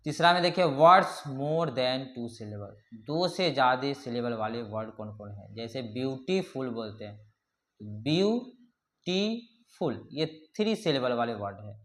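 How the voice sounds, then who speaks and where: A man teaching a grammar lesson, slowly reading out English definitions word by word and often checking in with his class. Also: medium pitch, expressive, a bit bright. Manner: slow explaining, reads English definitions word by word, repeats "ठीक है".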